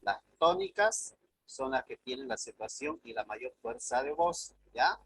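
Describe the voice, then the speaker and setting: Man teaching a class, brisk prompts. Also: mid-range voice, animated, fairly bright tone, slight background noise, rough recording. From Bolivia. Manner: calls on students with short prompts. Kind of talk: classroom instruction.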